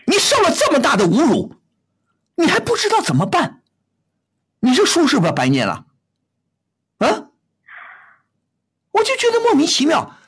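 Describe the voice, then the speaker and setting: A middle-aged man scolds his caller on an advice show, firing off one blunt question after another. His voice is husky and swings widely in pitch. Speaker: radio advice host.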